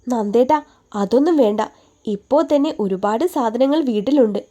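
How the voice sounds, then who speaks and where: A woman voicing a tired, proud young working woman who speaks quietly and holds back. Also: a little high, normal speed, natural voice. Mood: tired, reluctant.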